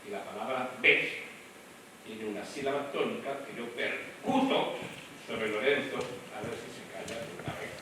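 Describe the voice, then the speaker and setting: A man gives a lively, demonstrative voice lesson, talking straight to the class. He is picked up across a very echoey room. A steady hiss of noise sits under his voice. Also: medium pitch, moderate pace. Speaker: voice teacher. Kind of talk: classroom lecture. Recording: echoey room, mic from far off, noisy.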